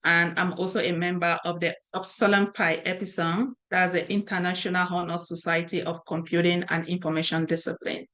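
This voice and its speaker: A middle-aged woman from Cameroon runs an online cybersecurity class. Her voice sits a little low, and her delivery is casual, with fillers and restarts. She is picked up by a webcam mic on a video call. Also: flat delivery, a little fast, few pauses, fairly bright tone. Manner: conversational, with frequent fillers and restarts. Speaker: cybersecurity instructor and training founder. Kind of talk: online training session presentation.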